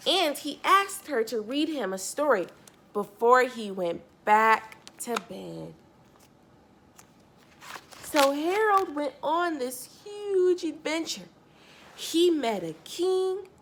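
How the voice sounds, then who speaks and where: This woman has a high, somewhat bright voice, with a little noise in the background. She reads a picture book to young children with plenty of expression, stressing important words and talking straight to them.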